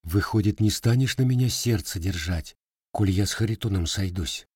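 A man's voice: on the low side, moderate pace, a little mellow, breathy edge, no room sound, studio quality. A man voicing a sly, teasing young Cossack widow in a storybook reading, raising his voice for her. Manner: slightly raised, teasing folk speech.

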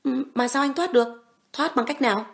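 Woman doing a scared teary young girl, high and pleady, stammers, kinda snappy. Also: fairly quick, gravelly. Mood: scolding. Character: frightened tearful young woman, sharp-tongued.

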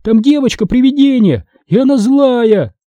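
A man reading a storybook, voicing a frantic twelve-year-old boy who shouts insistently. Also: very high-pitched, huge pitch swings, slow pace, slightly rough, no room sound, pitched above the performer's own voice, heavily acted. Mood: shouting.

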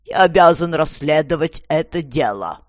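A gruff, stout commissar, put on by the storybook narrator, barking out orders in a loud, slow, grumbling voice. He is irritable and impatient, and the recording is dry and close. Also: mid-range voice, lively intonation, no echo, close to an everyday voice. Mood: irritated.

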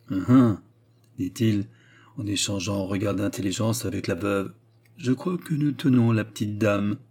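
A man narrating a classic novel as an audiobook, in a measured, dramatic storytelling manner. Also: on the low side, warm tone, breathy edge.

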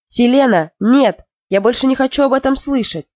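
A storyteller voicing a stern, angry middle-aged father who shouts and forbids, in a dull, dry recording. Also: mid-range voice, normal speed, dry recording, natural voice. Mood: shouting.

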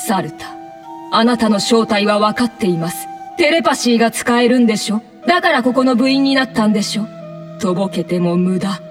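女性が演じる高めの声の強引な女子高生部長. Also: female voice, a little high, lively intonation, fairly quick, distant mic, music in the background, lightly acted. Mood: suspicious, insistent. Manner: solemn intoning that breaks into loud, indignant outbursts. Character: bossy, excitable teenage girl club president, obsessed with telepathy. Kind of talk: anime voice acting.

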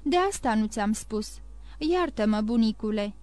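A loving young granddaughter, anxious and tender, pleading as she asks question after question, as a woman reads her in an audiobook. Her voice sits high and lifts higher with worry. The recording is close and dry. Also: animated, darkish tone, no room sound, lightly acted. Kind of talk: audiobook reading.

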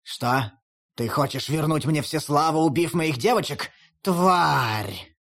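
A reader voicing a huge, gruff old wolf who is the narrator's grandfather, growling low and menacing. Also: animated, takes it slowly, a bit bright, heavily acted.

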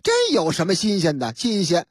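A woman radio host retelling a news item as a comic story in lively, drawn-out storyteller phrasing. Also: on the low side, breathy edge, dry recording, studio quality.

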